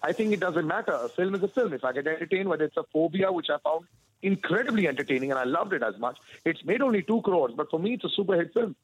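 A man's voice: fairly high pitch, lively intonation, fast talker, breathy edge, dry recording, rough recording. A man giving chatty, opinionated film gossip as a radio show correspondent, speaking with enthusiasm. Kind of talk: casual chat over radio.

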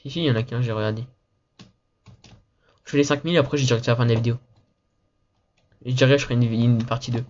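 Speaking in a mid-range, darkish voice with fairly even intonation, a man talks casually over a gaming video, starting with an upbeat intro. The sound is lo-fi with slight background noise, and his fast, slangy rambling carries some phlegm since he says he's sick.

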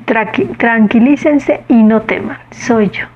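A woman voicing a serene, patient grown man who speaks with calm authority. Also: fairly high pitch, slow pace, breathy edge, highs cut off, heavily acted. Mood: calm, reassuring.

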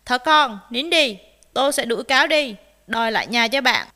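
A woman voicing a proud, brave male rooster in a children's story, crowing and singing loudly. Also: high-pitched, big pitch swings, a little slow, pitched above the performer's own voice, heavily acted. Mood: confident. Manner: crowing, sing-song, declaiming.

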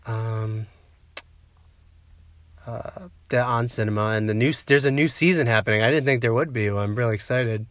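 A man's voice: mid-range voice, normal speed, long pauses, no room sound. A young man chatting casually about TV shows, rambling and laughing often. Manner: rambling, laughs a lot, swears.

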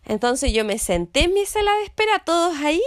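A woman's voice: sits high, big pitch swings, brisk, dry recording, clean studio sound. A young Chilean woman telling a crude, joking story in casual chat, acting out the voices of people in it. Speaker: podcast co-host.

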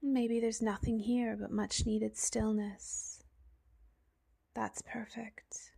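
A woman narrates a soothing meditation much as a sleep story would be told. Her voice is soft and breathy, often slipping toward a whisper and a gentle creakiness, and she speaks very slowly and evenly, with little pitch change and long gaps between phrases.

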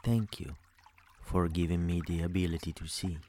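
Faint sound like trickling water plays behind a man leading a sleep meditation. His voice is very deep, dark and relaxed, and he talks slowly and soothingly, leaving long pauses between phrases.

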